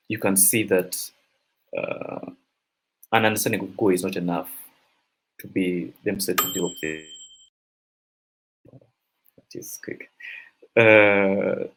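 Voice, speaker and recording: A man giving a technical conference talk, halting, with many fillers and restarts. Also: sits low, slightly rough, rough recording. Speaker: conference speaker.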